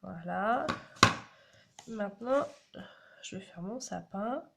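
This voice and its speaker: A woman's voice: mid-range voice, expressive, takes it slowly, vocal fry. A woman, chatting through a card-making tutorial and explaining each step as she works. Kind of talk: casual crafting tutorial. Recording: audible background noise.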